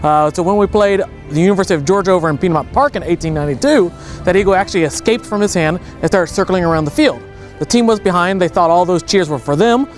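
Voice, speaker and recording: A young man talks quickly in a fairly high voice, explaining in an anecdotal way as a raptor center educator. He is recorded outdoors on a field, with faint music beneath. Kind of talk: informative interview answers.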